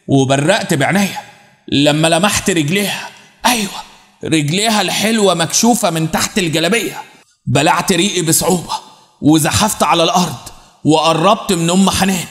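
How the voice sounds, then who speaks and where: A man's voice: sits high, a bit bright, in a large hall. A man with an Egyptian accent narrating a dramatic first-person story in an emotional manner. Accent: Egyptian Arabic.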